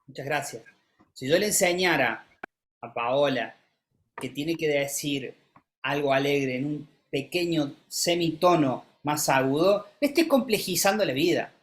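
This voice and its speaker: Voice coach running a masterclass, middling pitch, switches tone and speed to show off examples, keeps checking in with students. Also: measured pace. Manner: demonstrative, shifts pitch and pace to illustrate; coaxing, calls on students by name. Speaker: speaking coach. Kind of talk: live masterclass teaching.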